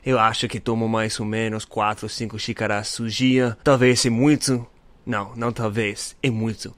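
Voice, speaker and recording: A man's voice: fairly low pitch, little pitch movement, moderate pace, dry recording. A man from the United States, a native English speaker, hosts a casual motivational podcast in American-accented Portuguese, using simple learner phrasing and repeating for emphasis. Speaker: podcast host.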